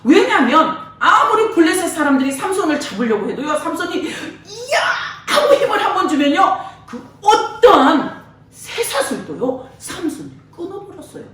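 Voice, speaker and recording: A woman preacher telling a Bible story to children in a lively, laughing way, acting out the characters' voices. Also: very high voice, normal speed. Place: church hall. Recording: echoey church hall from far off.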